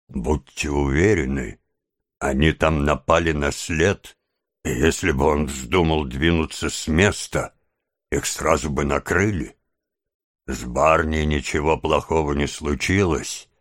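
An obliging tavern keeper, read by a man in a storybook speaks in a measured, confidential way. His voice sits very deep and reassures at an unhurried pace. It comes across close and dry. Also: no room sound, exaggerated voice.

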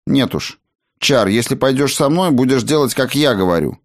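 Man doing a firm sorceress mom, even voice, bossy with her kids. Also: mid-range voice, moderate pace, no echo, clean studio sound, pitched above the performer's own voice, natural voice. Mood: stern. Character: firm sorceress mother, former battle mage.

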